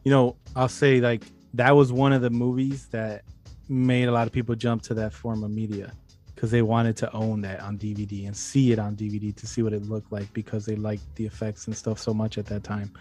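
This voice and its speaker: A man hosting a casual chat, playful and quick to laugh, with faint music behind him. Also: fairly low pitch, flat delivery, darkish tone. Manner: playful, laughs often, hypes up the game. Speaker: podcast host.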